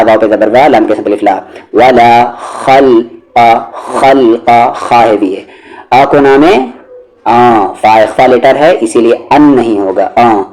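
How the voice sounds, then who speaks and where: A man teaching recitation word by word, spelling out each syllable and then reciting the words slowly and drawn out. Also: mid-range voice, a little mellow, low-quality recording. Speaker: Quran teacher.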